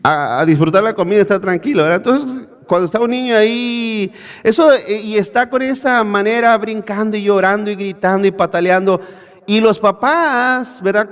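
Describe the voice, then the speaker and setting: High-voiced preacher in an echoey hall. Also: male voice. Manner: preaching with rhetorical questions to the congregation. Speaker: pastor. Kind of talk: sermon. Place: church hall.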